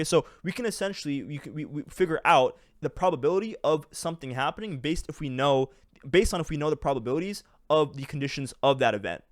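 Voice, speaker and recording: A young man talks fast and eagerly, explaining charts in a loose, rambling way. He piles on fillers and restarts and keeps checking in with his listeners. The sound is dry and close, with little room behind him. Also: fairly high pitch, no room sound. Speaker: trading educator. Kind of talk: casual screen-share explainer.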